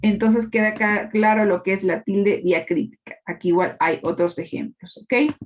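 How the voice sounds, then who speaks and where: A woman's voice: mid-range voice, normal speed, a little hiss or hum. A woman teacher giving a live online class, explaining patiently and often checking in with her students. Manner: explanatory, checks in with tag questions.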